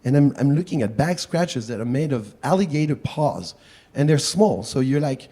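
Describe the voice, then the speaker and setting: A man's voice: mid-range voice, lively intonation, moderate pace, warm tone. A man from France with a French accent, speaking informally on a public panel in a chatty, self-deprecating way. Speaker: panel speaker, wildlife activist.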